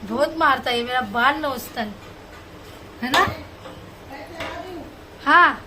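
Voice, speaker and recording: Slow high-voiced young mother, sing-song baby talk. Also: background noise. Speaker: vlogger. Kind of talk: casual family vlog, talking to a baby. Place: home, indoors.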